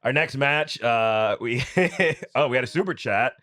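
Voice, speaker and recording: A man's voice: medium pitch, lively intonation, measured pace, bright, forceful tone, dry recording, clean studio sound. A man co-hosting a wrestling podcast, reading viewer chats and joking around. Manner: playful, laughs a lot, reads super chats. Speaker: podcast co-host. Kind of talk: casual wrestling chat.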